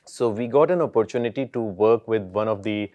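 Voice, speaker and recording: Male executive interviewee, Pakistani accent, lowish pitch, fast but stop-start delivery. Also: dark tone, dull audio. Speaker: interview guest, chief executive. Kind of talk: conversational interview answers.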